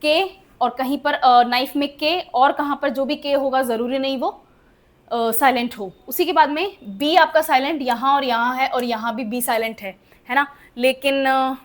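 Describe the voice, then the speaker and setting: A woman, teaching spelling rules in a chatty classroom lesson and often checking whether the class follows. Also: high-pitched. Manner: lively, chatty, asks the class questions and laughs at the oddities. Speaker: English teacher.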